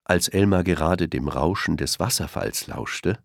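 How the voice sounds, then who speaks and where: A man narrating a children's storybook with expressive, lilting delivery. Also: sits low, measured pace, gravelly, dry recording, studio quality.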